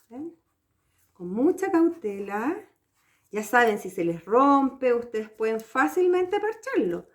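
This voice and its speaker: A woman from Chile, patiently walking viewers through a craft project step by step and checking they follow. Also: mid-range voice. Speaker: craft teacher. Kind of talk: hands-on craft tutorial.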